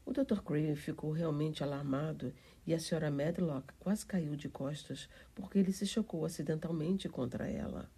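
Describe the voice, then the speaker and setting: A woman reading an audiobook aloud in calm, measured storytelling narration. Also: low-pitched, husky. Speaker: audiobook reader. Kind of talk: scripted narration.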